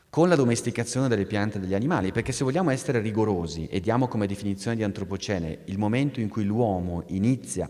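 A man giving a live public science lecture, animated and discursive, restarting phrases and turning to the audience with asides. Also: lowish voice, big-room sound.

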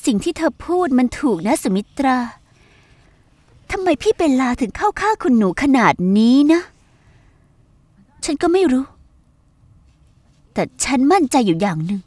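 Brief: a plaintive schemer, high-pitched, dry studio sound. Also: female voice, a little mellow, dry recording. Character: scheming young woman of a wealthy household. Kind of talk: Thai dub of a TV drama.

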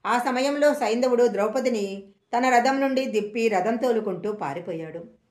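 A woman storyteller slowly reading an old mythological story aloud in a measured way, recorded in an echoey room. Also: fairly high pitch, a little mellow.

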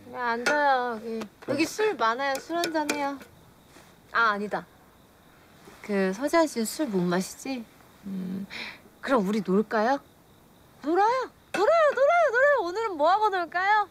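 A woman's voice: a little high, measured pace, a bit bright, a little hiss or hum. An actress playing a playful, affectionate young woman in love in a romantic TV drama, speaking expressively and repeating her words. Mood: tipsy, playful. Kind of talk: Korean romantic TV drama acting. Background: music.

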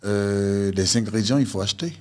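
A man's voice: fairly low pitch, normal speed. A man from Haiti who is a vodou priest, speaking plainly in a radio studio interview. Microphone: studio mic with headphones.

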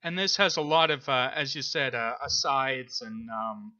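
A podcast co-host talks through a book discussion in a strikingly bright, sharp, medium-pitched male voice. He speaks haltingly, with lots of ums and uhs, on a slightly lo-fi recording.

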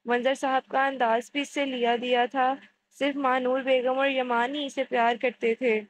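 A woman narrates a romance novel in a steady storytelling reading. Her voice sits high. A faint hiss runs under the recording. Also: low-quality recording.

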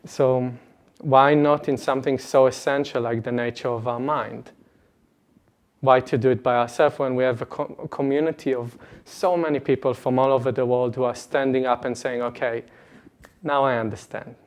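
A man gives an earnest, animated personal talk to a retreat audience, speaking into a lapel mic in an indoor meeting room. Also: mid-range voice, normal speed. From Israel. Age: late 20s. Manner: earnest, animated, gestures broadly, laughs between points.

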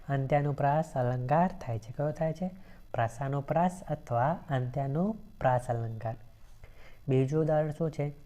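Very low-voiced, dark-toned woman teacher. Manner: asks questions and answers them herself, repeats lines slowly. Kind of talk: grammar lesson for exam preparation.

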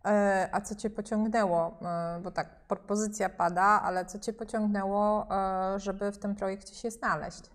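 A woman's voice: medium pitch, flat delivery, moderate pace, few pauses. A woman interviewing a guest in casual conversation, asking long questions full of fillers and adding encouraging murmurs.

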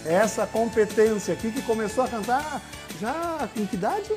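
A middle-aged man hosts a cooking show and explains each step with jokey, folksy asides. His voice sits high for a man. Music plays clearly behind him. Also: expressive, normal speed. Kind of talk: casual TV cooking chat. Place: rustic open-air kitchen set. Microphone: lapel.

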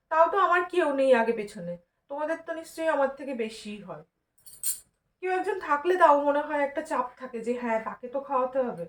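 A young woman vlogger with a regional West Bengal Bengali accent, talking casually to her viewers while doing chores at home. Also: sits high. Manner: chatty, addresses viewers directly with asides. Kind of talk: casual daily-life vlog narration. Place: home, moving between rooms and rooftop.

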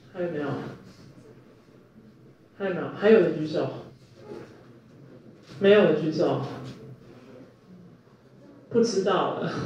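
A man's voice: a little high, a little mellow, slight background noise. A male university lecturer, teaching a class and quizzing students with repeated questions. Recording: echoey room, distant mic, muffled.

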